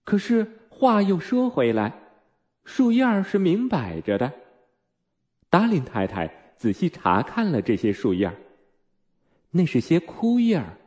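Male storybook narrator, slightly high voice, very animated delivery, faint music behind. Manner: expressive, slow storytelling. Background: soft music.

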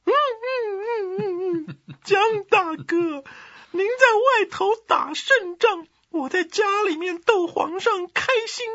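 A man voicing a whiny, scheming male court eunuch who wails and pleads in a shrill, high voice. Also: sing-song, a little slow, pushed and bright, breathy edge, no echo, muffled recording, heavily acted. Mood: wailing.

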